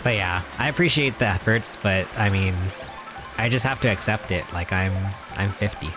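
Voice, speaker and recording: A man's voice: fairly low pitch, moderate pace, music in the background. A man in his twenties chatting casually on a live stream while he games, rambling in a mock-serious, joking way and chuckling often. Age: 20s.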